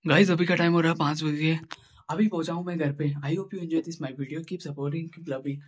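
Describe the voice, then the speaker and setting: A man's voice: fairly high pitch, fairly even intonation, moderate pace. A young man casually narrating a train journey vlog to his viewers, chatty and upbeat, filming himself on a phone at arm's length. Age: young adult. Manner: chatty, addresses viewers as guys. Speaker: travel vlogger. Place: crowded train coach and station platforms. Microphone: handheld phone at arm's length. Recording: noisy train and station.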